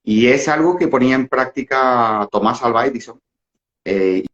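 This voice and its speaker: In dull lo-fi audio, a middle-aged man speaks casually on spiritual matters at a normal pace, his mid-range voice slightly bright. He wanders, restarts, uses fillers, and poses rhetorical questions often.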